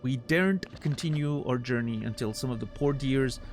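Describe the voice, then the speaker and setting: A man's voice: mid-range voice, moderate pace, soft background music, natural voice. A man voicing a grandiose, courteous flea caravan master from a video game, with a theatrical, flowery showman delivery. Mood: earnest, worried. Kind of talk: dramatic read-aloud of video game dialogue.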